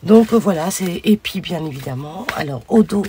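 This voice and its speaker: A hoarse woman hosting a casual crafting video, chatting along with many fillers as she shows her pieces. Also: fairly low pitch, expressive, normal speed, noisy background.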